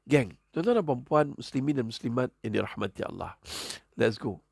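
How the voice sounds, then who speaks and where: A male preacher talks in a gravelly voice of middle pitch. He delivers a light-hearted religious talk full of jokes, animated asides and quick chuckles. The sound is dry and close. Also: no echo.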